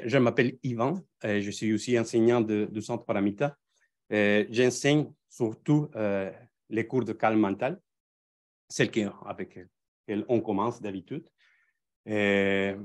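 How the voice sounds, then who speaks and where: Gentle man with a Mexican Spanish accent. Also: on the low side. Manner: gentle, calm instructions with hesitant restarts. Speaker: meditation teacher. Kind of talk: guided meditation introduction.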